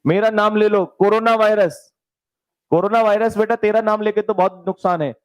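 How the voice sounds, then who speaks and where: A man teaching English spelling in a live online class, with an Indian English accent. He spells words letter by letter and keeps urging students to answer fast, calling them "beta" and "bhai". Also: high voice, fairly even intonation, rough recording. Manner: calls students "beta" and "bhai", reads out their comments.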